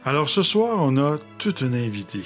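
A man co-hosting a radio chat, calmly reading out a guest's background. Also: mid-range voice, normal speed, soft background music. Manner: calm, reads a guest's CV carefully. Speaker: co-host.

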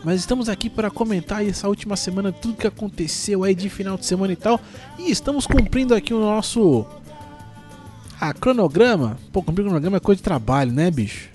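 With soft background music behind him, a man with a São Paulo Brazilian Portuguese accent talks briskly in a high, darkish voice with lively intonation. Down with the flu and congested from a cold, he hosts a casual sports news podcast, rambling and slangy and self-deprecating.

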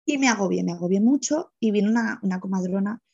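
A young woman, telling a personal story in a lively way, with many fillers. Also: medium pitch, fast talker, gravelly. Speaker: guest. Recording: dull lo-fi sound.

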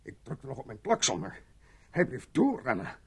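An actor dubbing a frightened suspect who talks haltingly and stammers. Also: male voice, medium pitch, wildly swooping pitch, creaky, breathy edge, full character voice. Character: shaken man hiding a fatal accident. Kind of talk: dubbed film acting.

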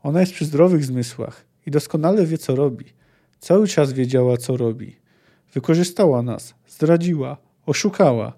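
A man reading the lines of a wounded, bitter male witcher from a novel in a flat, weary voice. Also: a little high, moderate pace.

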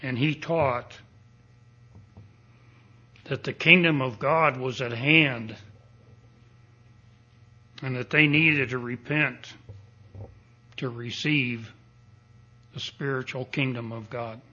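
A male pastor preaching a sermon at a pulpit microphone, speaking in a deliberate, emphatic way and building up to strong declarations. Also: mid-range voice, bright, forceful tone, muffled recording. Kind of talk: expository sermon. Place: church sanctuary.

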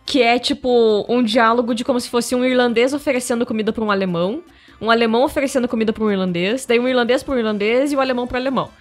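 A woman's voice: fairly high pitch, racing. A Brazilian woman co-hosting a podcast, telling stories in casual chat and acting out the voices in them. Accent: Brazilian Portuguese. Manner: animated storyteller, acts out voices. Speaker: podcast co-host.

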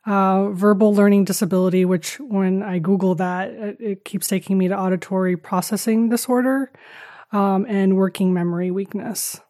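A woman's voice: mid-range voice, steady tone, normal speed, warm tone, no room sound, clean studio sound. A woman from Taiwan, speaking candidly and a little hesitantly as an interview guest, with a self-deprecating touch. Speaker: podcast guest.

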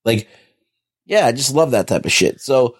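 A man's voice: mid-range voice, lively intonation, moderate pace, breathy edge. A man with an American accent, co-hosting a podcast and rambling casually through a movie review. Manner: rambling, laid-back, profane. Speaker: podcast co-host. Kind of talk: casual chat.

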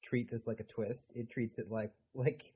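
A man co-hosting a podcast, animated and joking as he discusses a story. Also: medium pitch, moderate pace, slight background noise. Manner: animated, joking, laughs often. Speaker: podcast co-host. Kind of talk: casual chat.

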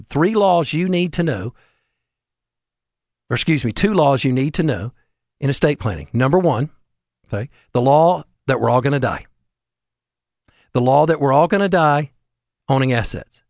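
A man's voice: a little high, no echo, studio quality. A man giving an educational radio talk as an attorney, stressing and repeating key points in numbered lists. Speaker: elder law attorney, radio show speaker.

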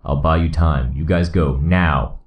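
A man reading a story aloud, voicing a gruff, hulking young man who growls his curt lines in a disguised deep voice. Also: unhurried. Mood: resolute. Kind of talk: audiobook reading.

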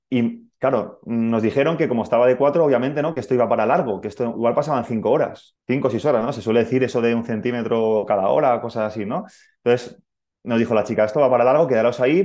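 A man with a mellow, darker voice tells a personal story as a podcast guest. He retells it with feeling and acts out the voices of the people he quotes. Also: mid-range voice.

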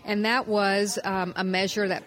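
A woman reporter co-hosting a political news podcast, calmly explaining background details in a casual chat. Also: mid-range voice, moderate pace, poor audio.

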